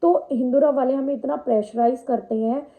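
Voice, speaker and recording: A woman's voice: high-pitched, fairly even intonation, moderate pace, phone-quality sound. A young woman vlogger telling a personal story in Hindi mixed with English words, with many fillers.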